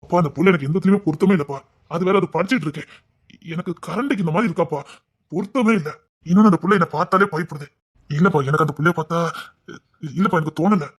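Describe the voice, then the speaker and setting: A man's voice: fairly high pitch, very fast, slightly rough. A young man acting a proud village son who earnestly pleads with his parents, in a family drama.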